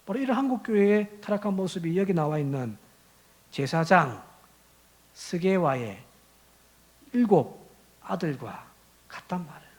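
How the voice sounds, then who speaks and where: A male pastor preaching a Sunday sermon in a church sanctuary, driving his points home with rhetorical questions and swinging from quiet asides to loud, rising exhortation. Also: sits high, animated, a little slow, pauses often.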